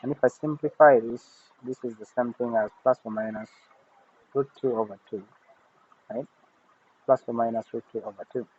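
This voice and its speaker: A man's voice: medium pitch, normal speed, pauses often, slightly rough. Man explaining math over tinny audio. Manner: steady step-by-step explaining, talking through working aloud. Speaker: math teacher. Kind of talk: recorded math lesson. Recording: tinny phone-like audio with faint noise.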